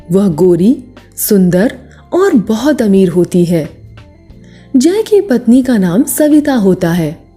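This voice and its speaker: A woman narrating a storybook in a measured, expressive way. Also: on the high side.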